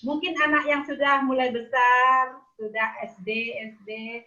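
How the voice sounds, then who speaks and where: A woman's voice: sits high, steady tone, a little slow, pushed and bright, highs cut off. A woman hosting a virtual parenting class who gives short replies and calls on the next questioners. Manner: brief affirmations, introduces questioners. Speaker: event host and moderator. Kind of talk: moderating a virtual seminar. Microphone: video call.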